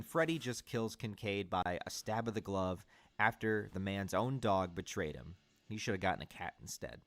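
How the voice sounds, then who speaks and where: Male film reviewer, low-pitched, dry close sound, sarcastic and exasperated. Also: no echo. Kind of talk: casual film critique.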